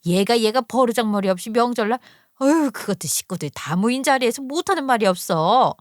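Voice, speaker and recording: A woman's voice: fairly high pitch, lively intonation, brisk, no echo, clean studio sound, lightly acted. A woman doing an exasperated scolding older mother. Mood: scolding, defensive.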